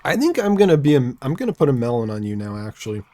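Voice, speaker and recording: Young male streamer, loose rambling commentary with a dry sarcastic edge, average pitch. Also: big pitch swings, fast, dark tone, slight background noise. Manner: wry, sarcastic rambling asides. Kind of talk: casual live-stream gameplay chatter.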